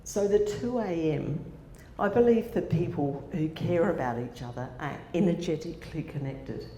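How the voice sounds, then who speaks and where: Low, mellow and at normal speed, this woman's voice carries an Australian accent; she's in her sixties and shares a personal story as a conference speaker, with fillers and restarts. She holds a handheld microphone in a conference hall whose echo and faint noise come through.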